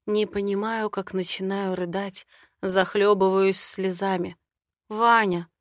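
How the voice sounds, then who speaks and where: A woman narrating an audiobook in the first person in a soft, measured way. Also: medium pitch, fairly even intonation, dry recording, clean studio sound.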